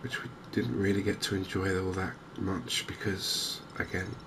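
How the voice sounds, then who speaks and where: A man narrates a cozy gaming video in a soft, low voice, gentle and unhurried, with hardly any rise and fall, as though musing to himself. It's quiet ASMR-style gaming commentary. Steady, clear game ambience plays in the background throughout.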